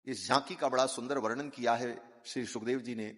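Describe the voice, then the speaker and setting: A man's voice: medium pitch, steady tone, moderate pace, fairly bright tone. A man telling a devotional story as a sermon, chanting Sanskrit verses and calling his listeners Maharaj. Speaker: katha preacher. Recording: long hall reverb.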